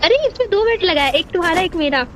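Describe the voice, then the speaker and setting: A woman's voice: very high-pitched, lively intonation, fast talker. A young woman from Jharkhand in her twenties, chatting casually while gaming and urgently directing her teammate. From Jharkhand, India. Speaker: gamer. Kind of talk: casual gameplay chat. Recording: noisy game audio.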